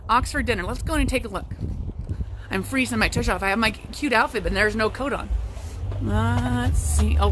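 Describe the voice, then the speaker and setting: Woman, young adult, chatty, upbeat, somewhat high-pitched, casual host. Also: background noise. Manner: chatty and upbeat, with frequent restarts. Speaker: real estate agent hosting a local business show. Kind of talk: casual live video walk-and-talk.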